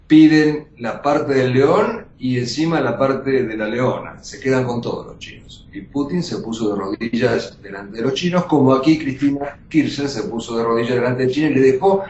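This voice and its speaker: An older man with an Argentine Spanish accent speaks in an emphatic, measured way, often pausing and restarting. His voice sits at a middle pitch. The recording is roomy and dull, with a faint rumble behind him. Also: darkish tone. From born in Austria to Russian parents. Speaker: journalist, interview guest. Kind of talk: interview answers.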